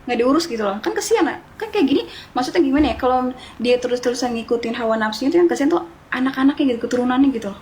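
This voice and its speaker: Woman, casual gossip chat, higher pitch, faint ambient noise. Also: lively intonation, rapid-fire, darkish tone. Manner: chatty, sympathetic.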